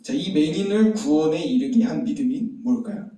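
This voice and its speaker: A man's voice: sits high, animated, a little fast, mellow. A man preaching a sermon as pastor, telling a story and asking the listeners rhetorical questions. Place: church sanctuary. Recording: very echoey hall, distant mic.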